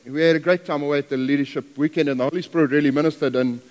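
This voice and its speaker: A middle-aged guest preacher from Zambia, raised in South Africa, delivers a sermon in a fairly high, slightly mellow voice that stays steady while moving very fast. His folksy, self-deprecating style drifts into asides, and the church sanctuary gives his words a long, ringing reverb.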